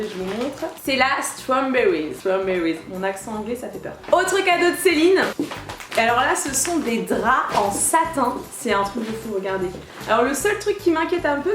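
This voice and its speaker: Bubbly high-voiced young woman vlogger. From France. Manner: chatty, bubbly, many fillers and restarts. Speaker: YouTuber. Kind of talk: casual vlog chat. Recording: echoey room with light music.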